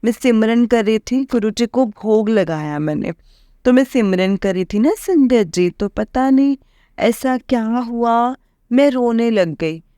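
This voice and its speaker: A woman's voice: fairly high pitch, animated, measured pace, dark tone, no room sound, studio quality. Earnest young woman with a lilt. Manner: earnest, emotional, often addresses listeners as "sangat ji". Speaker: devotee sharing satsang experiences. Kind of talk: personal devotional testimony.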